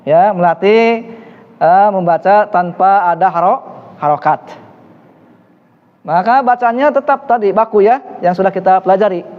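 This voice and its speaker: A man's voice: high-pitched, moderate pace, pauses often. A man teaching an Arabic class, encouraging his students and praising their answers often. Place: mosque classroom. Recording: dull reverberant room recording.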